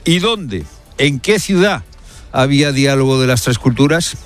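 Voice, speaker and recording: A man's voice: medium pitch, lively intonation, measured pace, soft background music. A man giving live news commentary. He talks emphatically, asks rhetorical questions and often hesitates with fillers. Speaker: radio commentator.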